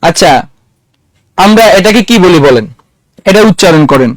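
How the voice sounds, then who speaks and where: High-voiced man teaching a class. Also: expressive, moderate pace, no room sound. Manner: conversational, quizzes the class, mixes in English words. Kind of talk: classroom lecture.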